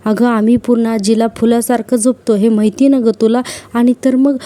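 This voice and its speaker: A woman voicing an indignant young family member who scolds, read out in a quick recap. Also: a little high, level tone, mellow, no room sound, close to an everyday voice. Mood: scolding.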